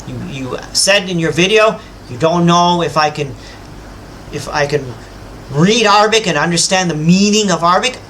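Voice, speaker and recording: A man with a high, fairly bright voice at normal speed delivers a combative rebuttal monologue, with slight background noise audible. A native English speaker and self-styled religious teacher, he lectures a scholar directly and emphatically, boasting about how much he knows.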